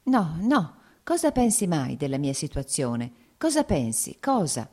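An eager, emotional young noblewoman, as read by a woman narrator, her voice lifting higher than the reader's own low tone. She talks urgently and warmly about her happiness, in a storybook reading. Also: sing-song, unhurried, heavily acted. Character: young noblewoman, anxious yet blissfully happy.

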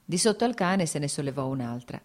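A female audiobook narrator with a lower voice reads a classic novel from a script, keeping the literary reading measured and steady.

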